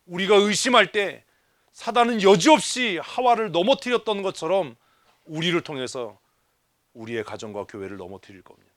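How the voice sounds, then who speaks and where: A man preaching a sermon in church, quizzing the congregation and dropping from loud urging to low asides. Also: expressive, moderate pace, no echo, clean studio sound. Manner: swings from hushed low asides to loud exhortations; asks the congregation questions and mimics grumbling people. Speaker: pastor. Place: church sanctuary.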